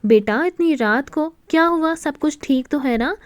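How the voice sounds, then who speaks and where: A woman's voice: high-pitched, unhurried, dry recording. A woman voicing a caring, worried middle-aged mother-in-law who asks anxious questions. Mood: concerned.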